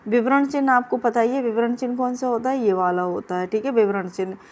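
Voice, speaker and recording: Slightly high-pitched woman teacher. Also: fairly even intonation, darkish tone. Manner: quizzing and repeating answers; brisk, coaching tone. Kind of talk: exam prep class.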